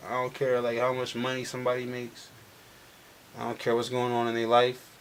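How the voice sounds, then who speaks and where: A man's voice: mid-range voice, completely flat delivery, a little fast. A young adult man from Milwaukee, a rapper being interviewed, who talks loosely with slang and frequent restarts. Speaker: rapper guest. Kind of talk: casual interview chat. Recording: faint background noise.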